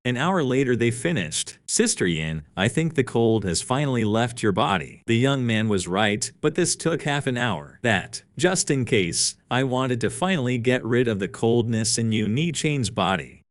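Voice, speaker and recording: A man reading a story recap aloud in a flat read-aloud style, giving quoted lines the same voice as the narration. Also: medium pitch, normal speed, hardly any pauses, no room sound.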